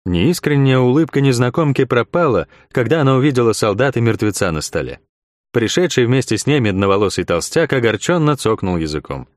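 Expressive male audiobook narrator. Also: medium pitch, fairly quick, dry recording, clean studio sound. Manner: expressive storytelling.

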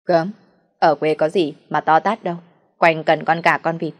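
A woman's voice: low voice, fairly even intonation, normal speed, muffled recording, lightly acted. A woman reading the lines of a suspicious, haughty young wife in an audio story.

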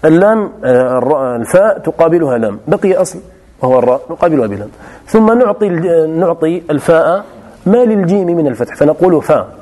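A man's voice: on the high side, animated, fast talker, mellow. A man teaching a grammar class who explains step by step and often repeats his key phrases. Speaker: teacher of Arabic morphology. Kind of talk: classroom lesson.

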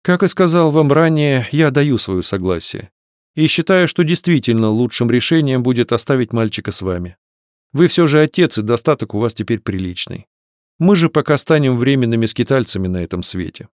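A man's voice: mid-range voice, lively intonation, smooth, no echo, clean studio sound, close to an everyday voice. A male narrator voicing a stern older nobleman father who speaks firmly and with authority, in a raised voice. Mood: stern, resolute. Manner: measured, authoritative.

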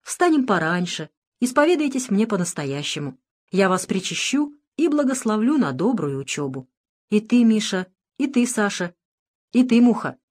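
Storybook brief: a kindly old male priest, gentle and fatherly, read by a woman. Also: mid-range voice, sing-song, normal speed.

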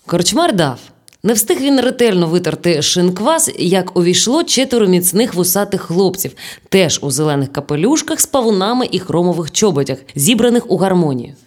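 A woman narrates an audiobook with expressive storytelling. Her voice sits on the low side for a woman, and her pitch rises and falls a great deal as she tells the story. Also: a little fast. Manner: lively, storytelling delivery.

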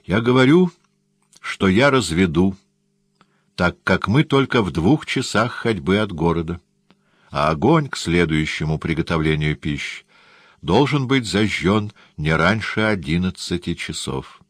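Audiobook role: a male reader as a resigned young woman, soft and quiet, dry close recording. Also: sits low, lively intonation, a little slow, slightly rough, dry recording, exaggerated voice. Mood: calm insistent. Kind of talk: audiobook character reading.

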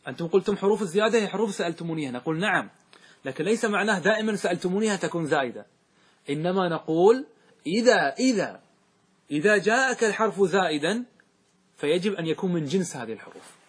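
A man's voice: high-pitched, lively intonation, rapid-fire, slightly rough. A man teaching a grammar lesson in a classroom, quizzing his students and having them answer back. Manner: questioning, drills students in call and answer.

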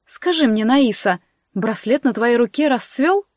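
A woman reading the part of a scheming young female necromancer with a mocking, sharp-tongued manner. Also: fairly high pitch, expressive, a little slow, no echo, clean studio sound.

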